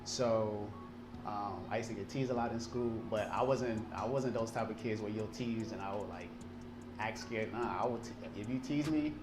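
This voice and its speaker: Guy from liberia in his 30s, kinda low voice, chatty storytelling, echoey room w music under it. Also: normal speed. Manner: animated storytelling, frequent fillers and restarts. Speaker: guest. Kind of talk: casual interview. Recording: roomy sound with music underneath.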